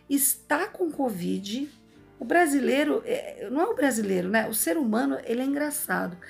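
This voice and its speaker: A Brazilian woman with a Brazilian Portuguese accent speaks from a hospital in an earnest, lecturing monologue. Her fairly high voice has a gravelly fry, and she keeps tossing in rhetorical asides to her viewers. Soft music plays faintly underneath. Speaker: advice vlogger. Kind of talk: emphatic personal monologue.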